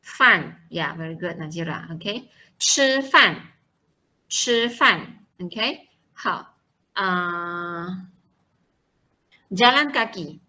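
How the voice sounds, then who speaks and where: A woman teaching a Mandarin lesson, drilling pronunciation and repeating words slowly and clearly for her students. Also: lowish voice, lively intonation, bright, forceful tone, poor audio.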